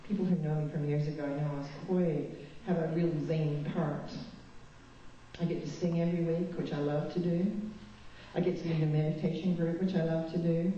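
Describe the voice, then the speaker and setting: A New Zealand woman speaks as a guest in a chapel, giving a spiritual talk built on candid, self-mocking personal anecdotes. Her voice is mellow, low-pitched, and level, and she talks fairly quickly. It's captured from a distance in a very echoey hall, sounding dull and muffled with a bit of hiss or hum.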